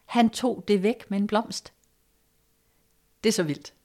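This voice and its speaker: A woman calmly telling a personal story in a casual conversation, reflective and hesitant, with fillers and soft, hushed stretches. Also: medium pitch. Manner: reflective, hesitant with fillers, drops to soft near-whisper at moments.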